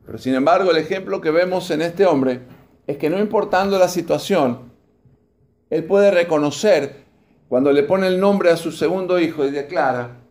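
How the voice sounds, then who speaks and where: A man past his mid-forties preaching from the pulpit, his voice sitting a little high for a man. He reads passages aloud and keeps turning to the congregation with questions. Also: moderate pace, darkish tone. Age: over 44. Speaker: pastor. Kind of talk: sermon.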